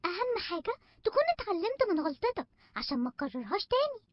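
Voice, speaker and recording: A chirpy little cartoon friend, voiced by a woman, squeaking very high with a lively bounce and quick pace. The audio is dry and a bit dull. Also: dry recording. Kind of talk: cartoon voice acting.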